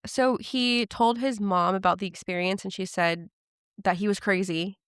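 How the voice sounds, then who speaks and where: A woman's voice: medium pitch, steady tone, normal speed, a bit bright, smooth, dry recording, studio quality. A woman podcast host retelling a story in casual chat, with frequent "like" fillers.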